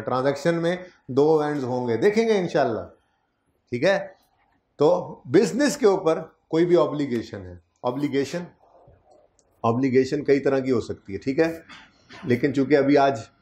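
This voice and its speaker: A man's voice: mid-range voice, a little mellow. Man teaching in an echoey classroom. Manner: explains step by step, checks in often with students. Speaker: accounting teacher. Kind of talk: classroom lecture.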